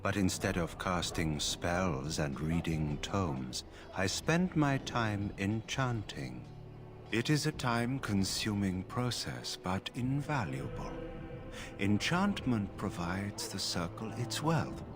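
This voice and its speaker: An actor playing a calm, emotionless male mage enchanter in a video game, speaking in a flat monotone. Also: deep voice, slow pace. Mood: detached. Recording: game audio with music behind.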